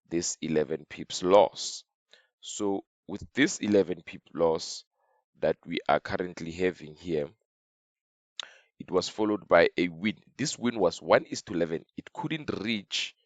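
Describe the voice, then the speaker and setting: A man with a slightly off voice teaching a trading lesson over a chart, halting and repeating himself as he draws. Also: low voice, no echo. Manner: repetitive, halting, talks while drawing on chart. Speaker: trading signal educator. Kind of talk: screen-share trading lesson.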